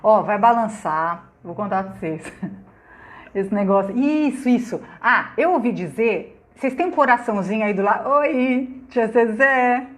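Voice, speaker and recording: A middle-aged Brazilian woman hosting a casual live stream from her phone, loud and chatty, greeting viewers by name and laughing often. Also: a little high, measured pace. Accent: Brazilian Portuguese. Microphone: phone on laptop.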